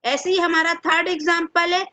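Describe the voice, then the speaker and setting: A woman's voice: very high-pitched, level tone, moderate pace, bright, forceful tone, no room sound. A woman teacher with a Hindi accent, explaining grammar to children and answering her own questions. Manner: asks rhetorical questions to the children and answers them herself. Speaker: English teacher. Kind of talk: classroom lesson explaining grammar.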